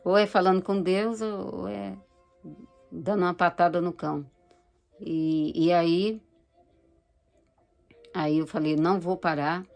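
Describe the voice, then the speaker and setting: A woman giving a personal religious testimony, speaking haltingly and searching for words. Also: lowish voice, steady tone, vocal fry, darkish tone, faint music behind. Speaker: church member giving testimony.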